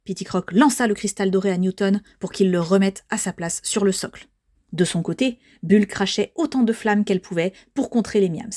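A woman narrating a children's storybook in a soft voice, sometimes dropping to a whisper. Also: medium pitch, a little fast, no room sound, clean studio sound.

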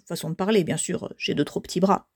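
A loud, high, yelling creature who guards a tunnel, played by a woman reading a storybook. He bellows and wails with a sore paw, and his voice sits well above the reader's own. The recording is close and dry. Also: brisk, dry recording. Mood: grateful. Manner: shouting and wailing. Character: angry clawed male creature guarding a tunnel.

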